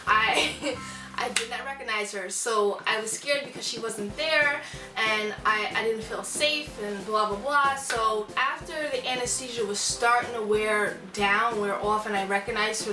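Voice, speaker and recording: A young woman with a fairly high voice shares a personal story in loose, chatty storytime fashion. She wanders through her sentences and doubles up words to stress them. The recording is clearly echoey, with music playing behind her. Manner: informal and rambling, often repeating words for emphasis. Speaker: vlogger telling a personal story. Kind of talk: casual storytime chat. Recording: echoey room, distant mic, music behind.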